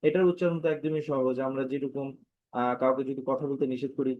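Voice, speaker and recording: A man's voice: mid-range voice, steady tone. A man teaching an online lesson, patiently repeating syllables and drawing out each letter name to model the sound. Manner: slow, patient drilling of sounds with many repetitions; drawn-out sung syllables when modeling letters. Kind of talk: online live class lesson. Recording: dull lo-fi online class audio.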